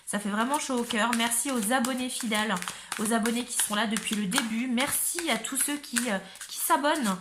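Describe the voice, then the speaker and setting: A hoarse woman from north-eastern France with a north-eastern French accent, giving a chatty, giggly tarot reading to her viewers, often searching for words. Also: on the high side, fairly quick, echoey room, background noise. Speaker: tarot reader. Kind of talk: casual tarot reading to camera.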